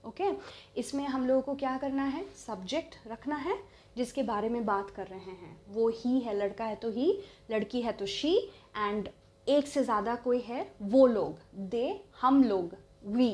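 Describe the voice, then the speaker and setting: A woman's voice: fairly high pitch, a little mellow, husky. A young woman with an Indian English accent teaches English grammar while standing. She switches between Hindi and English and keeps checking in with "okay?" and "right?". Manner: slows down and stresses the English model sentences. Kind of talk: bilingual classroom-style lesson. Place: standing indoors in front of a wall.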